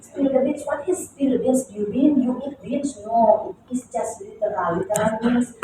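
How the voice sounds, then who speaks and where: High-voiced woman teaching in an echoey classroom. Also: noisy background. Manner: lively, repeats words with drawn-out stress. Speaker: English teacher. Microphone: distant room recording. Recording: echoey classroom recorded from far off.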